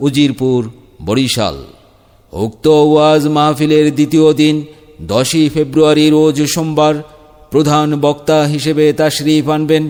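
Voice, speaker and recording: A man reading a formal event announcement as if over a public loudspeaker, in a measured public-address delivery. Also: medium pitch, clear, resonant tone. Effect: announcement sounding through a loudspeaker with long reverb.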